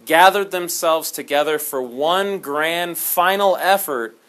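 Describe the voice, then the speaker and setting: A male history teacher lecturing his class in a classroom. His voice sits a little high, and he talks in an animated, jokey way. He keeps slipping into dramatic storytelling. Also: slow.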